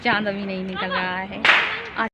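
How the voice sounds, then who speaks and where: A tired woman, filming on a rooftop at night and narrating lively, encouraging commentary as she goes. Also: medium pitch, normal speed, lo-fi sound. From Jhansi, India. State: tired from fasting. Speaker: family vlogger. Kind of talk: live commentary to camera. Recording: loud outdoor noise on phone. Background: firecrackers and neighbours.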